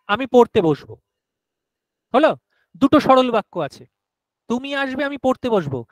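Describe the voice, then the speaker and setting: A man's voice: very high voice, no room sound, poor audio. A male teacher giving a grammar lesson to a class, explaining step by step and often asking whether everyone has understood.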